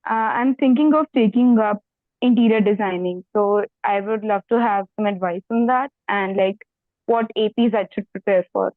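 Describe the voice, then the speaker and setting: A woman's voice: mid-range voice, normal speed, no echo. A young female student in her teens with an Indian accent, asking for advice on an online call. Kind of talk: asking questions in an online session. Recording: tinny phone-like call audio, dry.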